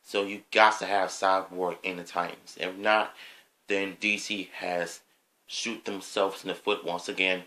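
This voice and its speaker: A man speaks slowly and haltingly in an opinion vlog, stopping often for ums and to clear his throat. His voice sits a little low, yet its tone is bright and forward. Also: little pitch movement. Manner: slow, hesitant, with frequent ums and throat clearing. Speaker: vlogger.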